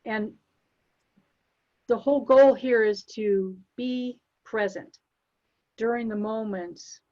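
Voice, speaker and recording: A soft-spoken woman gently walks listeners through spiritual preparations in a relaxed chat, her voice often fading at the ends of phrases. The sound is muffled and lo-fi, like an online call. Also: fairly high pitch, slow pace. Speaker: spiritual channeler. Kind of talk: casual spiritual guidance chat.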